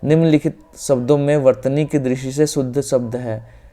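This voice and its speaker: A man with a North Indian Hindi accent teaching an exam-prep grammar lesson, going through questions step by step, repeating the correct answers and often dropping quietly at the end of a phrase. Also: mid-range voice, fairly even intonation, moderate pace. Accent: Hindi-speaking North Indian.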